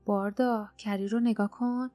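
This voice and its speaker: A woman voicing an uneasy young man on a dangerous journey who speaks in a hushed, hurried way. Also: mid-range voice, fairly even intonation, no room sound, close to an everyday voice. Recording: dry close mic, faint music underneath.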